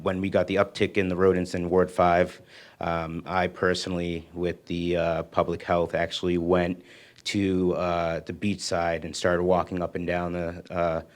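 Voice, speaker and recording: Very deep, flat-voiced man explaining. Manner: casual, filler-heavy explaining. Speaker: city official presenting at a community meeting. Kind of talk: informal presentation.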